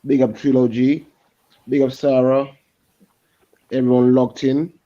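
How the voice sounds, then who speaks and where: A man hosting a live stream, giving slangy shout-outs in a roll-call delivery. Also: medium pitch, little pitch movement, measured pace. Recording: dull lo-fi mic.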